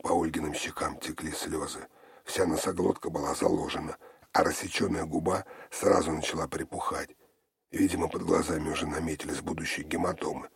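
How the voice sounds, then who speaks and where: A man narrating an audiobook in a low, even, gravelly delivery. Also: brisk, no echo, clean studio sound.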